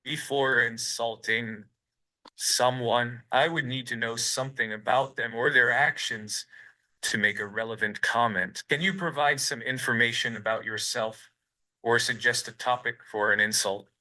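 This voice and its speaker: Synthetic male robot voice, very bright and tense, stiff and formal delivery in an interview. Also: mid-range voice, steady tone, a little slow, poor audio. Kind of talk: stiff scripted answers.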